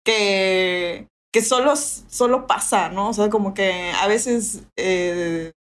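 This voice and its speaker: A woman from Yucatán with a Yucatecan Mexican accent, a guest who works as a birth photographer, talking in a chatty, thoughtful way with many pauses and fillers. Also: medium pitch. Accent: Yucatecan Mexican Spanish. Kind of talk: casual interview chat.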